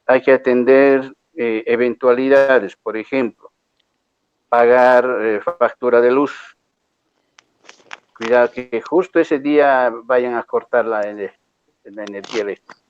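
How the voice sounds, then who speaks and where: A man's voice: medium pitch, dry recording, dull audio. A male lecturer patiently explaining exam rules to a class, often checking that students follow. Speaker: university lecturer.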